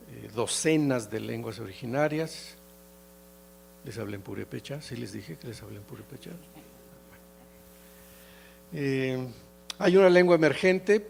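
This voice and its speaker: Man, Mexican Spanish accent, gravelly voice, slow deliberate lecture, faint mains hum. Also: mid-range voice, darkish tone. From León, Mexico. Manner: halting, frequent hesitations and restarts. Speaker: keynote lecturer. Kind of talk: academic conference lecture.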